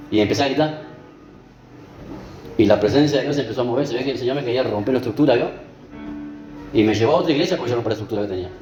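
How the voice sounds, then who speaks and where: A man's voice: mid-range voice, racing, pauses often, a little mellow, lo-fi sound. Man preaching in an echoey church. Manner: conversational, keeps asking the congregation "¿vio?" and "¿sí?". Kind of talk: sermon. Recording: echoey church with music behind.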